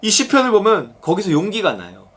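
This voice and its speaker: A middle-aged male pastor giving a conversational, animated sermon. He talks casually and often acts out prayers and quotes in different voices. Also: high-pitched, brisk.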